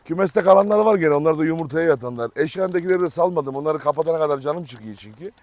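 A man's voice: a little high, expressive, fast, a little mellow. A man vlogging outdoors on a farm, chatting to viewers and coaxing his dog to come. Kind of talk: casual chat to camera.

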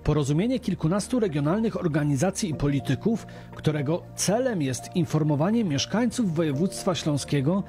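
A man's voice: fairly high pitch, lively intonation, a little fast, mellow. A man narrating a scripted television news report as the reporter. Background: music.

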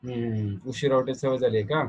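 A male programming teacher with a Marathi accent giving an online class over a video call, quizzing students and dictating notes slowly. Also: mid-range voice, fairly even intonation, darkish tone, slight background noise, rough recording.

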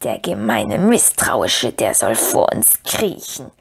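A woman reading aloud and voicing the hoarse, hissing dark side of a wretched male creature, greedy and scheming as he mutters to himself. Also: extremely low pitch, sing-song, takes it slowly, voice pushed down, heavily acted. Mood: spiteful.

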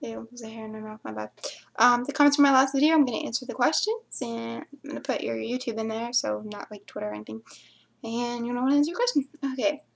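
Teen girl vlogging at home, kinda giggly, rambly, mumbles little asides, slightly high voice with some fry. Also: fast talker. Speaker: vlogger answering viewer questions. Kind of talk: casual chat to camera.

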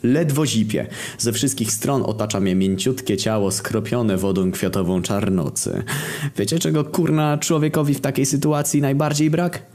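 A man's voice: mid-range voice, normal speed, a little mellow. A man reading a comic story aloud, with sardonic asides and exaggerated turns.

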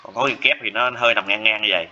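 A man's voice: on the low side, fast talker. A man teaching a math lesson, repeating phrases and often checking whether students follow. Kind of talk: classroom lecture. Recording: dull lo-fi classroom recording with faint noise.

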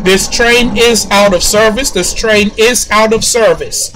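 A man puts on a polite train conductor calling out to passengers. His voice is high for a man. The announcements are formal and official, with key phrases repeated for the platform. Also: unhurried, low-quality recording. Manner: formal, repetitive calls to passengers.

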